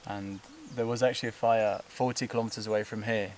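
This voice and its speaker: A man's voice: on the low side, steady tone, quick pace, darkish tone, slight background noise. Breathless man vlogging on a hiking trail. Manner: rambling, loose, with frequent fillers and laughs. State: out of breath from climbing. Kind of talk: casual talk to camera while hiking. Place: outdoors on a hillside trail. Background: buzzing insects.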